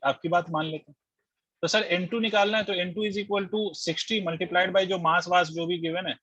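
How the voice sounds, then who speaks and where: A man with a high voice teaches physics in an online class. He works through each step and keeps quizzing his students along the way. The sound is dry, dull and lo-fi. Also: bright, forceful tone, no room sound. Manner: explains step by step, quizzes students, mixes English terms into Hindi.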